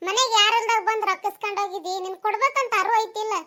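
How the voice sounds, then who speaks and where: A woman's voice: extremely high pitch, rapid-fire, pushed and bright. A woman voicing a young village daughter-in-law asking for money, with a North Karnataka Kannada accent.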